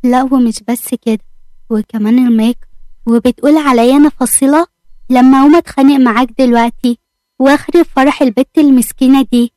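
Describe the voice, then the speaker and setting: A woman voicing a quick-tempered, bashful young heroine in an Egyptian accent. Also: sits high, steady tone, warm tone, no echo, close to an everyday voice. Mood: annoyed.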